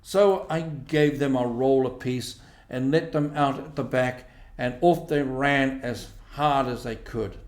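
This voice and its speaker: Man as mild storybook mole, unhurried, roomy. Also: medium pitch, close to an everyday voice. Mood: satisfied. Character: modest, good-natured male Mole reporting his work. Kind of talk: storybook character reading.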